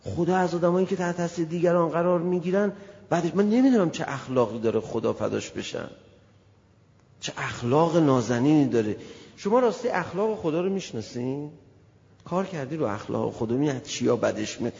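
A man giving an animated, conversational sermon to a gathering, acting out little scenes as he goes, in an echoey hall on a dull, lo-fi recording. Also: a little high, gravelly. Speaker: preacher. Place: hall with an audience.

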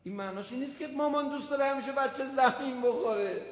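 A man preaching a sermon emphatically, quizzing his audience and acting out the voices he quotes. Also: very high voice. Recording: echoey hall with dull lo-fi sound.

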